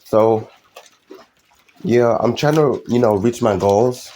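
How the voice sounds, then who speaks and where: A man's voice: medium pitch, slow, warm tone. A young man live streaming, talking casually to his viewers in a rambling, hesitant way with many fillers and restarts.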